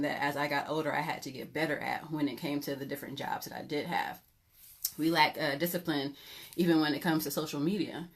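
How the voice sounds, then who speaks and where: A young woman leads a Bible teaching in a loose, conversational manner, often pausing on fillers as she shares frank stories from her own life. Her voice sits notably low for a woman. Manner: conversational, filler-heavy, candid and self-revealing. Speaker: pastor teaching a Bible lesson. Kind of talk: informal teaching talk.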